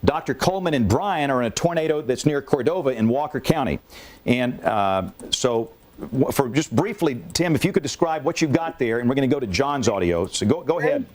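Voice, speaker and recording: A male weather anchor with a medium-pitched voice handles live severe weather coverage. He speaks urgently and deliberately, repeating key warnings and safety instructions. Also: lively intonation.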